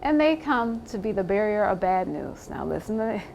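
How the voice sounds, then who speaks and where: A woman speaks bluntly in an interview, giving a candid personal account with emphasis and the odd curse. Her voice sits at a mid pitch, with a faint hiss of background noise. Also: very animated, moderate pace, gravelly, a little mellow. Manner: blunt and emphatic, swears, laughs wryly.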